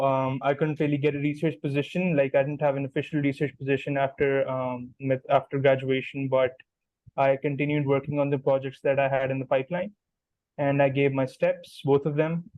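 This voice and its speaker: A man's voice: mid-range voice, no echo. Level-toned Pakistani young man, dull audio. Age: 20s. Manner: mixes Urdu phrases into English, steady and measured. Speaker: guest, newly matched doctor. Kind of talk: casual conversational answers.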